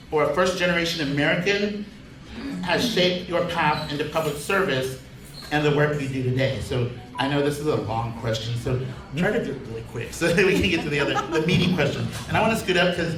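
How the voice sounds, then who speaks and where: A man's voice: on the high side, background noise. A man moderating a community panel in a loose, chatty way with lots of fillers. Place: large community center hall. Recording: echoey hall from far off.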